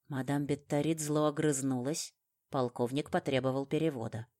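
A woman with a deep, low voice narrates an audiobook in the first person. She reads in a measured, dramatic way, with steady control over each sentence.

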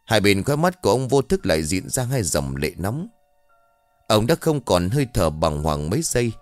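Male ghost-story narrator, low and expressive, dramatic delivery over faint music. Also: normal speed, dry recording.

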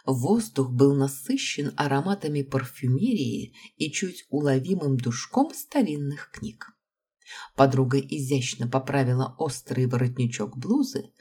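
Very low, husky female narrator. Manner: expressive first-person storytelling. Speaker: audiobook narrator. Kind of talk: scripted audiobook narration.

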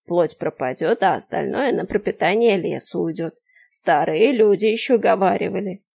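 A woman voicing a nosy, drowsy old shopkeeper woman who speaks slowly and dismissively in a creaky, mumbling voice. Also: fairly low pitch, lively intonation, darkish tone, heavily acted. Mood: scolding. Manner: slow, unhurried and dismissive. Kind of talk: audiobook character voice.

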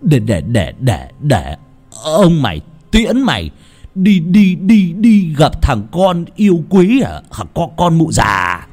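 A man's voice: very high-pitched, lively intonation, slow pace, a little mellow, soft background music, voice pushed up, exaggerated voice. A man voicing a cruel young thug who stutters and sneers as he taunts. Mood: taunting. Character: brutish young male thug, cruel, jeering.

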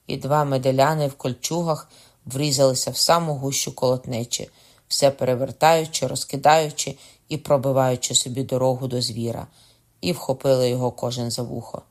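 A man reads a classic novel aloud as an audiobook narrator. His delivery is steady and measured, in a voice of ordinary pitch for a man.

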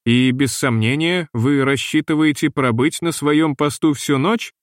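A man reading a gentle, refined young lady. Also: a little high, measured pace, no room sound, studio quality, close to an everyday voice. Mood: admiring.

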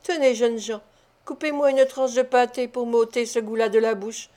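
A woman's voice: on the high side, fairly even intonation, moderate pace, mellow, lightly acted. Grumbling, menacing invalid thief, bitter and demanding, as a woman reads him in a storybook. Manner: growling, bitter.

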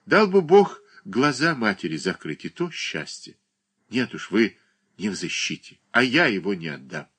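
A man's voice: fairly low pitch, big pitch swings, normal speed, fairly bright tone, breathy edge, full character voice. A man reading an audiobook, voicing an anxious, tearful aging mother who laments and pleads. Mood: pleading. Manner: plaintive, lamenting.

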